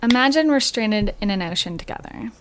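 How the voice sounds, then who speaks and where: Young woman, podcast chat, mid-range pitch, enthusiastic and chatty. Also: animated, a little fast, a crowd in the background. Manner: enthusiastic, chatty, filler-heavy.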